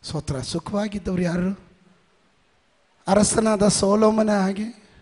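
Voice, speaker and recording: A male pastor preaching a sermon with call-and-response to his congregation, often swelling into shouts. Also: high voice, a little slow. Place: church worship hall. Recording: long reverb of a large hall.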